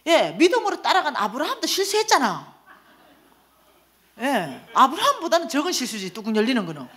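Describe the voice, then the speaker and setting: Woman lay minister, church seminar testimony, lively swinging pitch, animated storytelling. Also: brisk. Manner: animated storytelling, acting out quoted voices.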